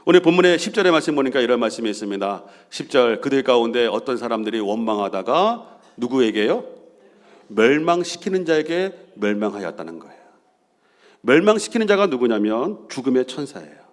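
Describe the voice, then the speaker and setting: A man's voice: medium pitch, fairly quick. A man in his fifties, a senior pastor, telling stories in a Sunday sermon and acting out the quoted lines. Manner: animated, acts out quoted bickering and voices.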